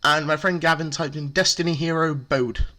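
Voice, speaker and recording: A man's voice: a little high, steady tone, normal speed, bright, forceful tone. A man casually walking through a card game deck, chatty and full of fillers, explaining step by step. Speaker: deck profile presenter.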